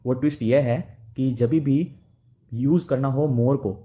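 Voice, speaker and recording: A man's voice: mid-range voice, fairly even intonation, slow pace, mellow. A man with an Indian accent teaching an English grammar lesson in Hindi, explaining rules step by step and often checking in with "right?".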